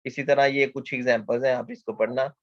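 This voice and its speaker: A man's voice: medium pitch, flat delivery, brisk, dry recording. A man giving a mathematics lecture in a patient, explanatory way, often repeating key points and asking questions he then answers himself. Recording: dull dry lo-fi lecture recording.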